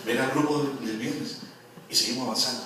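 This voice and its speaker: A man preaching a sermon in a church hall, lively and joking as he quizzes the congregation. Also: medium pitch, a little fast, crowd noise. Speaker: pastor. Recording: very echoey hall, from far off.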